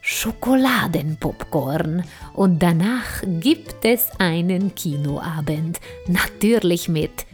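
A woman's voice: on the low side, animated, slow. A woman voicing a cheerful, proud male bear chef in a children's audio story, speaking in an encouraging teacher's tone. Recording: soft music underneath.

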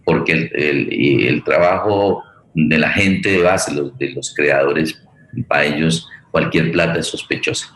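Hosting a conversational forum on politics and culture, a very low-voiced Colombian man sounds a bit bright. He hesitates and repeats himself while looking for words, in a room with heavy echo.

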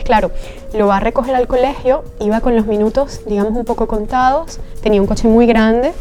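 Reflecting earnestly on her life, a guest from Venezuela who drives trains pauses to find her words during the interview. She speaks with a slightly high voice and a dark tone.

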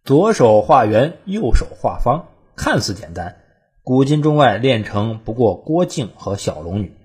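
A man's voice: mid-range voice, very animated, measured pace, a little mellow, breathy edge. A man narrating a scripted countdown in a colloquial way, with wry asides.

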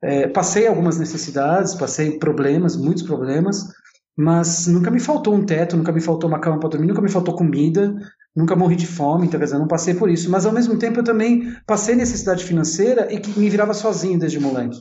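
With a fairly high, mellow voice and a quick pace, this man in his forties tells his story casually as an interview guest. The entrepreneur, from Italy and São Paulo, Brazil, has a São Paulo Brazilian accent and tends to repeat himself and reword his points. The sound is roomy and a little dull.

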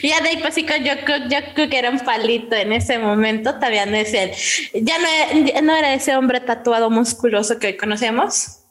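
A young woman hosting a casual podcast, animated and laughing as she tells a story. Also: a little high, a little fast. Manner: animated, laughing, acts out quotes. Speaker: podcast co-host.

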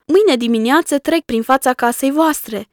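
A kindly doctor gives a steady, reassuring promise, read by a woman narrating the story. The voice is fairly high and dry, with no room sound. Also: no room sound, natural voice. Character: calm, reassuring male country doctor.

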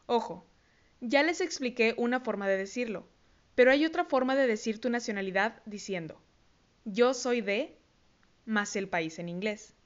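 A woman hosting a scripted podcast lesson, slowly and carefully repeating words for listeners to copy. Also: a little high, muffled recording. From Mexico. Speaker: English teacher host of a podcast.

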